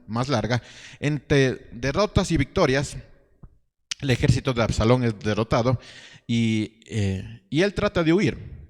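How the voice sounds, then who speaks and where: A man preaching a sermon as pastor, telling a story with rhetorical questions and halting restarts. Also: medium pitch, in a large hall. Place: church hall.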